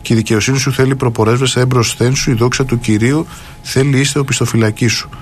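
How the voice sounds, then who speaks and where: A man's voice: mid-range voice, steady tone, a little hiss or hum. Earnest hesitant man explaining scripture. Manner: quotes scripture aloud at length. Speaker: radio Bible discussion speaker. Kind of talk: radio Bible discussion.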